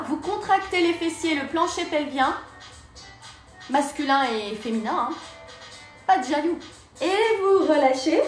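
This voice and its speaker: A woman's voice: sits high, recorded from a distance. A woman teaching a Pilates class, cueing breathing and each movement step by step in an encouraging way. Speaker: Pilates and yoga instructor. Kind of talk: guided exercise class instruction. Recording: very echoey room, voice from afar, faint music.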